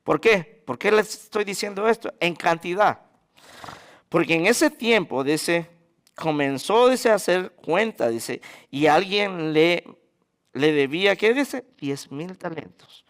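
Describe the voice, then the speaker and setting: A man preaching a sermon, asking the congregation questions and answering them himself, rising sharply in pitch when he quotes scripture. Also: takes it slowly. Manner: animated, jumps in pitch when quoting scripture. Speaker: pastor.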